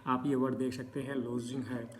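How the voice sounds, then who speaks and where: A man's voice: medium pitch, little pitch movement, a little fast. Man teaching spelling rules patiently. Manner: patient, repeats checks like "okay" between examples. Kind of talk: explaining spelling rules to students.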